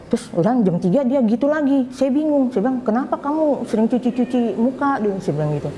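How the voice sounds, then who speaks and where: A woman telling her personal story, voicing the people in it with animated quoted dialogue. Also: on the low side, a little hiss or hum. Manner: recounts with lively quoted dialogue. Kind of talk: personal testimony.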